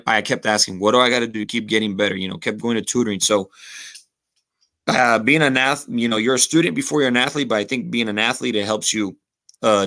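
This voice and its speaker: Bright, forceful and fairly low in pitch, this man's voice carries a Texas Rio Grande Valley accent. He's in his thirties, a onetime college football kicker appearing as a guest on a laid-back podcast. Reflective in manner, he fills his speech with "you know" and mixes in bits of Spanish.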